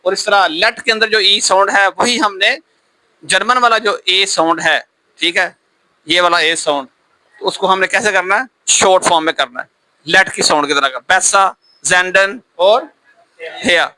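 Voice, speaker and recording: A man's voice: sits high, moderate pace, bright, forceful tone, dry recording, low-quality recording. A man teaching German pronunciation in a classroom-style lesson, repeating words and quizzing his learners.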